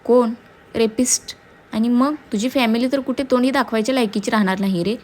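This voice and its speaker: Woman voicing a vengeful young woman in a storybook, taunting and cruel, fairly high voice, mocking drawl. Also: fairly even intonation, a little fast, darkish tone, lightly acted. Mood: gloating. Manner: taunting, sing-song mockery mixed with English.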